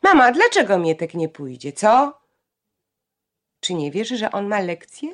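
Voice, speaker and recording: A woman reading an audiobook, voicing a defiant schoolgirl who fires off sharp, indignant questions. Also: medium pitch, very animated, measured pace, pitched above the performer's own voice.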